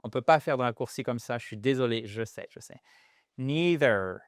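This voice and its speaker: A man teaching English grammar in French, lively and self-deprecating, drilling pronunciation by repeating words. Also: medium pitch, fast talker, no room sound, clean studio sound. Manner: lively, self-deprecating, jokes about being a pain.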